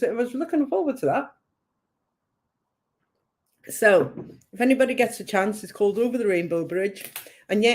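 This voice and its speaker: A woman's voice: sits low, darkish tone. A woman with a light northern English accent with a touch of Geordie, hosting a psychic reading live stream in a chatty, rambling way and laughing often. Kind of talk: casual live-stream chat.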